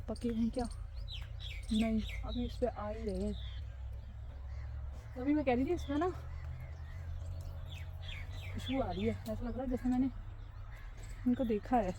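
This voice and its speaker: A woman's voice: fairly high pitch, mellow, a little hiss or hum. A woman vlogging outdoors, chatting casually and narrating what she sees to her phone camera. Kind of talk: casual vlog chat. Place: outdoors by a ground and trees.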